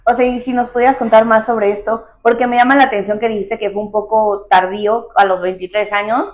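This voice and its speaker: Soft-spoken woman interviewer. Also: on the high side, steady tone, brisk. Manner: gentle, brief prompts and follow-up questions. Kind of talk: interview questions.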